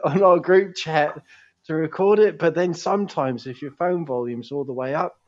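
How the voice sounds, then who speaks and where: A man's voice: on the high side, normal speed, lo-fi sound, slight background noise. A man co-hosting a podcast, chatting in casual banter, swearing freely and calling the others mate. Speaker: podcast co-host.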